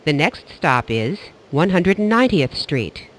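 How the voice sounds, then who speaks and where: A man's voice: fairly high pitch, big pitch swings, unhurried, fairly bright tone, low-quality recording. A man reading a scripted train station announcement, recorded with some train noise behind him.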